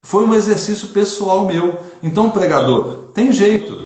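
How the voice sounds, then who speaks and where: A man's voice: high-pitched, expressive, normal speed, darkish tone. Man with emphatic earnest delivery, echoey room. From Brazil. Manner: earnest, emphatic, repeats for stress. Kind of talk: casual online chat on preaching.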